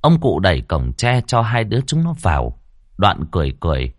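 Male storyteller, animated pitch, dry close recording, ghost story narration. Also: moderate pace, dry recording.

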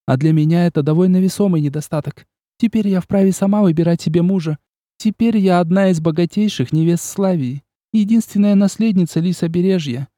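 A man's voice: sits high, a little fast, no echo, clean studio sound, pitched above the performer's own voice, natural voice. A male audiobook reader voicing a proud, fiery young noblewoman who speaks haughtily and sharply. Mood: haughty. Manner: haughty, sharp and tearful by turns. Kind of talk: audiobook character voice.

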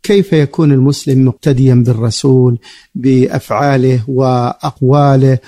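A man's voice: medium pitch, steady tone, moderate pace, dark tone, dry recording, clean studio sound. A man hosting a radio programme in formal standard Arabic, presenting and reading out questions.

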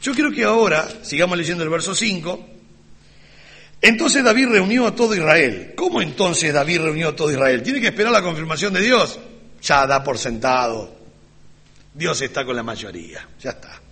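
A man preaching a sermon as pastor, ironic and sarcastic, with lively delivery. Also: a little high, moderate pace, husky. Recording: reverberant hall.

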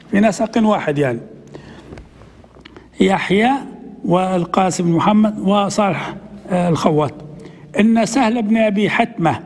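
A man, a sheikh, teaching a classical text lesson, reading passages slowly and then explaining them in a conversational way. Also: sits high, darkish tone, long reverb tail. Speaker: sheikh teaching hadith commentary.

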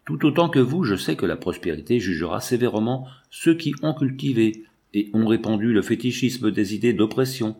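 A man voicing an aging male scientist, weary and stubborn, speaking in measured, solemn tones. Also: fairly low pitch, lively intonation, a little mellow.

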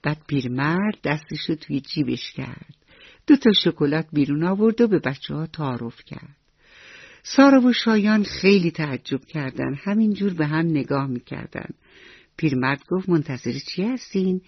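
A woman's voice: sits low, lively intonation, breathy edge, no room sound. A woman storyteller narrating a bedtime story for children, speaking tenderly and directly to them. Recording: dull lo-fi radio recording.

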